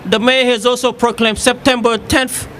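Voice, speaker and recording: A man from Senegal, giving formal remarks as a city office director, halting with many fillers. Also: extremely high pitch, level tone, a bit bright, a little hiss or hum.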